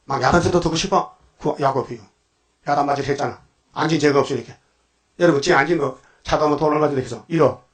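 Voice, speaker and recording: Older male pastor, dawn sermon, slightly high voice, jabbing rhetorical questions. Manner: preaching with rhetorical questions and sudden emphatic bursts.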